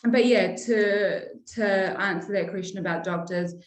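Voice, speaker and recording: A woman's voice: medium pitch, a little slow. A young adult woman from Iraq, a pharmacist and sales manager, answering interview questions in a friendly, chatty way with frequent ums. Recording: roomy echo.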